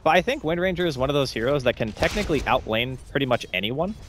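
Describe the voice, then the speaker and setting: A man giving color commentary on an esports match, explaining strategy in a rapid, conversational way. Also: medium pitch, lively intonation, noisy background. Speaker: esports analyst.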